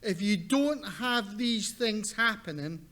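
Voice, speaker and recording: High-pitched, slow-talking man with broad Scottish accent. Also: lively intonation, bright, forceful tone. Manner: deliberate, direct, emphatic with repetition. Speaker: seminar presenter, academic. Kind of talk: conference presentation.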